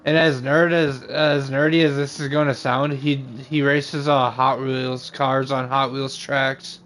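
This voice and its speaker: Dude hanging out on a call, drawly, swears a lot. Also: male voice, medium pitch, flat delivery, unhurried, fairly bright tone. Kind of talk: casual chat.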